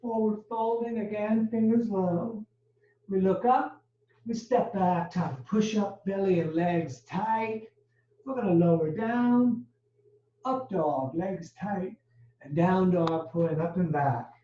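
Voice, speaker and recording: A yoga teacher with a mellow, soft-edged voice talks a class through each pose and breath in short, steady cues. The sound is dull and lo-fi, picked up from a distance in an echoey studio room. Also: mid-range voice, takes it slowly, a little hiss or hum. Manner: steady step-by-step cueing of poses and breath. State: a little out of breath. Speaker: yoga instructor. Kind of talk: live yoga class instruction. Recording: dull, roomy sound from far off.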